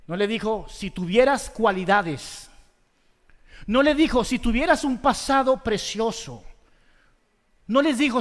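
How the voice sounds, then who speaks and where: A man preaching a sermon as pastor, swinging between loud exhortation and soft, slow emphasis, with rhetorical questions to the congregation. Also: very high voice. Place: church hall. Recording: long reverb of a large church hall.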